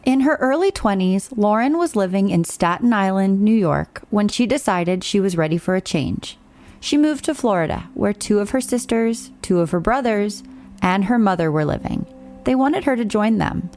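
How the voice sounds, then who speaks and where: A woman host giving scripted true-crime podcast narration in a measured, storytelling way. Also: mid-range voice, animated, darkish tone.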